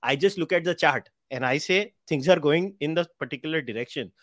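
A man's voice: fairly high pitch, brisk, a bit bright, no echo, studio quality. A man hosting a podcast, talking conversationally and emphatically, candidly slipping between English and Hindi. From India. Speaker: podcast host. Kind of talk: conversational interview talk.

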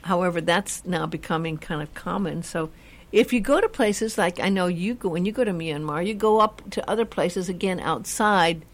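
A woman's voice: lowish voice, normal speed, hardly any pauses. A woman hosting a casual talk show, chatting in a rambling way with many restarts. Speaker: host. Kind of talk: casual chat.

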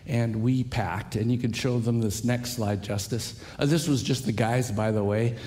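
A man's voice: mid-range voice, steady tone, moderate pace, a little mellow. A man preaching a sermon in a church while losing his voice, telling stories in a chatty, self-deprecating way. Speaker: pastor. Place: church sanctuary.

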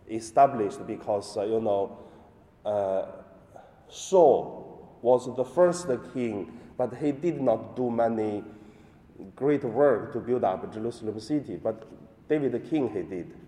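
A man serving as priest, reading the gospel and giving a homily in a slow, halting way with many fillers, in a cathedral echo. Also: medium pitch, warm tone. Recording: cathedral echo, long reverb.

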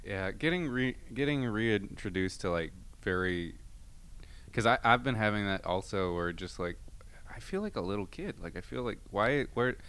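A man's voice: fairly low pitch, expressive, normal speed, a bit bright, smooth. A man chatting casually as a podcast co-host, swearing often and acting out his own angry outbursts. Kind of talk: casual chat.

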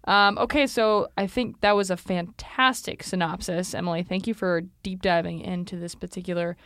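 A woman's voice: fairly low pitch, fairly even intonation, normal speed, fairly bright tone, dry recording, clean studio sound. A woman hosting a podcast, playful and jokey, laughing often. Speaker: podcast host. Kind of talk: casual podcast chat.

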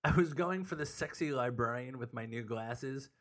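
A man's voice: mid-range voice, normal speed, fairly bright tone. Male co-host, casual and jokey, frequent laughter, loose swearing, ordinary mid-range voice. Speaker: podcast co-host. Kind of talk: casual chat. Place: apartment.

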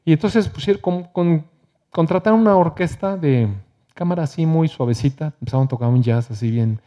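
A man's voice: on the high side, mellow. A middle-aged man preaching a sermon, telling a personal story and acting out the dialogue while speaking directly to his listeners. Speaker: pastor.

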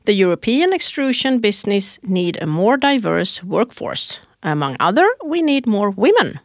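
A woman's voice: medium pitch, sing-song, normal speed, no room sound, clean studio sound. A woman co-hosting a corporate podcast who gives prepared lines with emphasis. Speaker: podcast co-host. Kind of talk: scripted corporate podcast dialogue.

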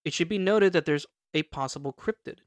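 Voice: mid-range voice, fairly quick, no room sound. A podcast co-host telling spooky stories in a casual, chatty way, informal and playful with some swearing. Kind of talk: casual storytelling chat.

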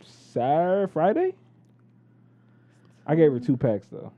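A man's voice: a little high, huge pitch swings, slow pace, mellow. A man co-hosting a casual chat, speaking in with a laid-back, teasing manner and frequent laughter. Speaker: podcast co-host. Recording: dull lo-fi sound.

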